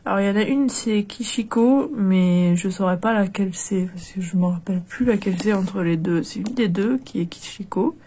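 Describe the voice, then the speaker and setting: In casual commentary, a young woman with a stuffy, nasal cold hesitantly unboxes a doll, with plenty of fillers and restarts. Her mellow, mid-range voice moves at a moderate pace with hardly any pauses, and a little hiss or hum is present.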